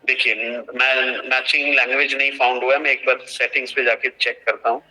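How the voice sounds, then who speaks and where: A man's voice: medium pitch, level tone, a little fast, pushed and bright, rough recording. A young man, talking an online team through a task on a video call and restating each instruction. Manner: explanatory, repeats and restates instructions. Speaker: online trainer. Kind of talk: live screen-share training session.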